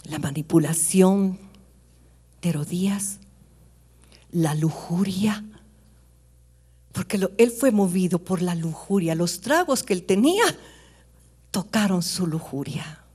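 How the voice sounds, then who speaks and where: A middle-aged woman preaching a sermon, swinging between loud, high exclamations and hushed whispers as she tells stories. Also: lively intonation, a little slow, breathy edge.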